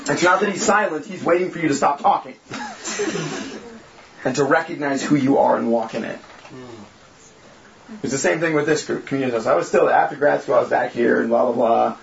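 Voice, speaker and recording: Speaking in a mid-range, gravelly voice at normal speed, this young small-group church leader is animated and leaves long pauses. He delivers a frank, self-deprecating informal sermon, performing the voices he quotes, recorded in an echoey room with dull lo-fi audio.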